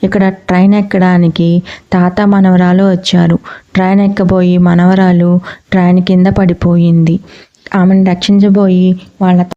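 A woman voicing an eerie old ghostly man who calmly gives ominous warnings, in a dull lo-fi recording. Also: lowish voice, moderate pace, lightly acted.

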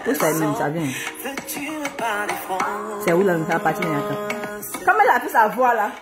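A woman's voice: lowish voice, very animated, moderate pace. A woman, chatting playfully and joking as she breaks into song, a little out of breath. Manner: playful, chatty, breaks into sung worship lines. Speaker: singer. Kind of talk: casual chat with singing. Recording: echoey room with music behind.

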